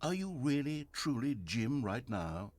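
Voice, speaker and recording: A man voicing a smug, mock-earnest narrator in a video game, with a slightly husky voice. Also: medium pitch, a little slow, dry recording. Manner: dry, mock-earnest, swings into exaggerated excitement.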